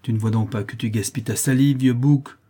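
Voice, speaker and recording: A man's voice: medium pitch, steady tone, fairly quick, mellow, breathy edge, lightly acted. A man reading an audiobook, voicing a proud, curt widowed mother in a raised voice. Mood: scolding. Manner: curt and scolding. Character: stern widowed mother, sharp-tongued, proud.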